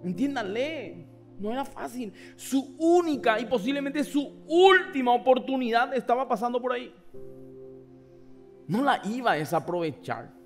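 Pastor, very high voice, fiery sermon swinging between shouts and hushed asides, faint music underneath. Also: male voice, animated, normal speed. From Paraguay. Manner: passionate preaching with sudden shouts and hushed asides; acts out voices of the people in the story.

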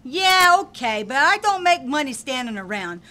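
A woman's voice: high-pitched, sing-song, normal speed, bright, forceful tone, exaggerated voice. A woman voicing a brash, streetwise young girl who runs cookie scams, in a comic radio play. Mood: sassy. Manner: brash, sassy, mocking.

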